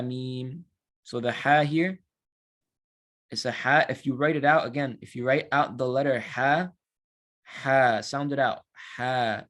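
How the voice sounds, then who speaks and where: A man teaching Quran recitation in a relaxed class, talking casually and stretching out syllables to show how they are chanted. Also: medium pitch. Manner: explains slowly, models drawn-out recited syllables.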